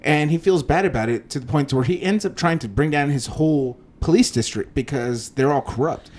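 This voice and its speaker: Young male co-host, a bit high-pitched, rambling and profane, casual podcast chat. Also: fairly quick, a little mellow. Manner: rambling, swearing, restarts and jokes. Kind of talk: casual film chat among friends.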